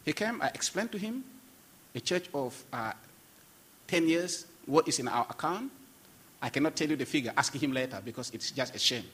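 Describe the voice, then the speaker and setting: Pastor guy telling his story, earnest, restarts a lot, sharp husky tone. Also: a little high, animated, moderate pace. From South Sudan. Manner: earnest, emphatic, with frequent restarts and laughs. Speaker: pastor and guest. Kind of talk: testimony in conversation.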